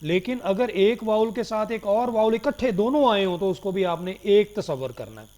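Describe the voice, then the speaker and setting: A man giving a recorded phonology lecture, slowly explaining terms, switching between Urdu and English and politely addressing his students. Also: high-pitched, expressive, a little mellow. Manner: addresses listeners politely as "janab" and "dear students".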